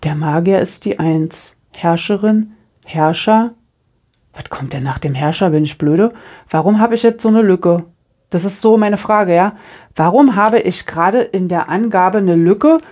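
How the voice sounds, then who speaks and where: A middle-aged German woman reading tarot cards, chatting casually and telling an animated, self-deprecating story. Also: on the low side, a little slow. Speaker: tarot reader. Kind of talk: casual chat.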